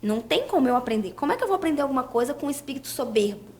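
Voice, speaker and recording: A woman's voice: sits high, sing-song, rapid-fire, a little mellow. A young woman, a podcast guest explaining scripture and asking rhetorical questions. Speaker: guest speaker.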